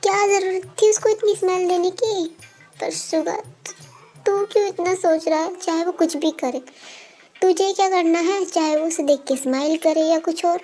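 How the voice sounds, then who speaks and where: A woman's voice: very high-pitched, steady tone, moderate pace, mellow. A woman voicing a grumpy, jealous young man who mutters to himself in a fan-made dub.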